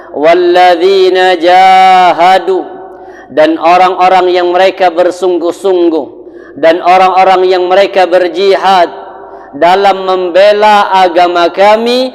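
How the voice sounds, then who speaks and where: A man preaching in a mosque, telling a story, questioning his listeners and chanting Arabic verses slowly. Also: high-pitched, in a large hall. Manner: storytelling, asks the audience questions and answers them. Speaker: Islamic preacher. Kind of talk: mosque sermon.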